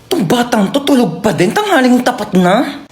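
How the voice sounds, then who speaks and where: A woman acting out short comedy skits, loud and playful, switching between characters. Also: on the high side, very animated, moderate pace, slight background noise. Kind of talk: comedy skit role-play. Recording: background music.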